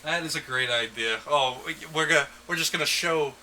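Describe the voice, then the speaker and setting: A man's voice: a little high, fairly quick, bright, forceful tone, slight background noise, rough recording. A man co-hosting a podcast in casual chat, laughing often and reading lists aloud. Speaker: podcast co-host.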